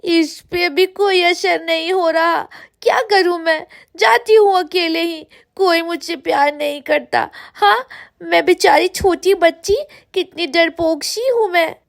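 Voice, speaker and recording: Kuhu, a woman doing a very high, scared little girl. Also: unhurried, creaky, full character voice. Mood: fretful. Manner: whiny, frightened self-talk. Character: small timid girl doll, scared of ghosts. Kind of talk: storybook cartoon voice acting.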